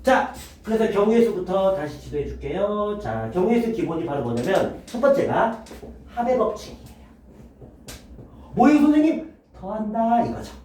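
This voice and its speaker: A man teaching math to students, lively and constantly quizzing them with questions. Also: high-pitched, brisk, slight background noise. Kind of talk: classroom lecture. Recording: echoey room, voice from a distance.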